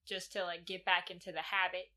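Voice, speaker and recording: A woman's voice: lowish voice, little pitch movement, fairly quick, bright, forceful tone. A woman co-hosting a casual podcast, laid-back, often giving short answers with fillers. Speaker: podcast co-host.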